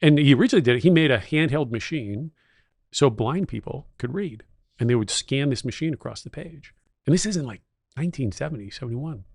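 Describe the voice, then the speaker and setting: A middle-aged man co-hosting a podcast, with a gravelly, fry-edged voice. He speaks at an ordinary pitch and tells stories with keen enthusiasm, and the sound is dry and close with no room echo. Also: lively intonation, brisk. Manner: enthusiastic storyteller, techno-utopian. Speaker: podcast co-host. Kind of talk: casual chat.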